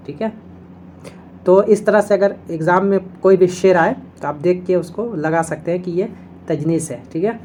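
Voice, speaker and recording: A woman teaching an exam-prep video lesson, explaining each point step by step, checking in with listeners often and reciting couplets slowly. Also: on the low side, darkish tone, slight background noise.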